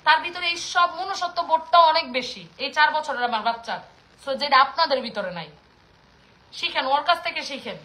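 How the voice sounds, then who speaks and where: Animated and a little fast, this high, pushed, bright voice belongs to a vlogger in her thirties with a Mymensingh Bengali accent from Bangladesh. She's casually ranting at her viewers, scolding them with passion.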